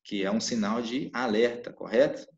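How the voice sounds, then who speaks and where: A man's voice: mid-range voice, normal speed, darkish tone, slight background noise. A man teaching a live online class, checking in with his students with "né?" and "tá?" as he explains. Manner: explains with frequent "né?" and "tá?" check-ins. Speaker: Portuguese teacher. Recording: echoey room, dull lo-fi mic.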